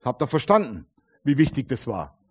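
A man preaching a sermon, emphatic, alternating loud declarations with quiet asides and drawing out key phrases slowly. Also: medium pitch, sing-song, slightly rough.

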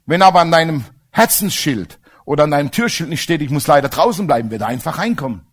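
A male preacher delivers a sermon in a lively, animated voice that swoops up and down. He sits a little higher than most men. He presses his points hard and keeps checking whether the congregation agrees. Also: fast. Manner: emphatic, asks the congregation for agreement.

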